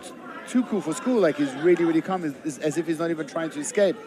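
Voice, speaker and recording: Higher-voiced male fight analyst over crowd noise. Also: fast. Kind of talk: live colour commentary, conversational. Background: arena crowd.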